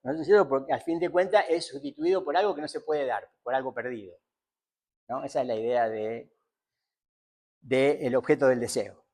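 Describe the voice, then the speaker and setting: A man's voice: medium pitch, normal speed, a little mellow. A man giving a seminar lecture on psychoanalysis, thinking aloud with many fillers and repeated tag questions.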